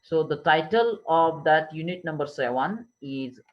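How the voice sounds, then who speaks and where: A lecturer slowly dictates engineering notes, repeating each term so his class can write it down. His voice sits a little high for a man. The audio is dull and lo-fi, like an online class. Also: expressive. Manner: slow, repetitive dictation, switching between English and Marathi.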